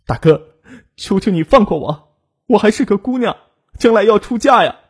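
A man putting on a frightened young woman's voice, raised high and pleading, a bit husky, tearful begging, storytelling. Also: animated, moderate pace, full character voice. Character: terrified young woman pleading for her life.

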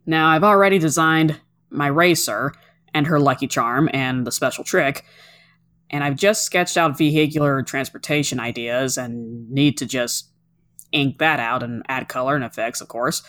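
A woman's voice: rumbling low, moderate pace, fairly bright tone. A woman co-hosting a casual podcast, explaining things in long, chatty run-on sentences. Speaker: podcast co-host.

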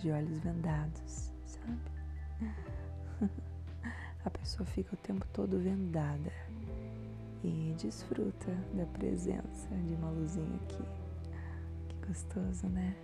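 Slow Brazilian woman, ASMR role-play in your ear. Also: on the low side, steady tone. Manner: slow, breathy, sensual, murmured right into the ear. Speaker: host of an erotic audio podcast. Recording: very echoey voice over faint music. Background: music.

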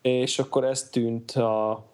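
A man's voice: medium pitch, little pitch movement, a little mellow. A man in a casual podcast chat, hesitant and trailing off with fillers.

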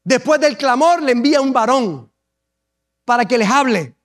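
A Puerto Rican man preaching a sermon as pastor, dramatically acting out scripture scenes with drawn-out emphasis. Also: very high-pitched, lively intonation. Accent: Puerto Rican Spanish. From Puerto Rico.

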